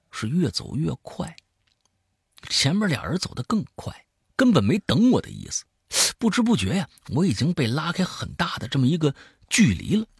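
A man who hosts a show, telling a scary story in the first person, swinging from hushed to loud. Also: fairly high pitch, vocal fry, breathy edge, no room sound, studio quality. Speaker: host reading a listener's story.

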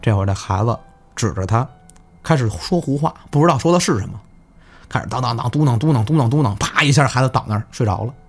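Lively male ghost-story teller. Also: mid-range voice, fast, husky, faint music behind. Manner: animated, swears in surprise, stammers in quotes. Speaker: guest storyteller. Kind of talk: casual spooky storytelling.

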